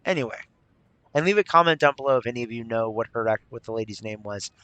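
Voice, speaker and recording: Casual man with a bright, close voice. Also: mid-range voice, expressive, fast, clear, resonant tone, no echo, highs cut off. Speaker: host of a game playthrough. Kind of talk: casual gameplay commentary.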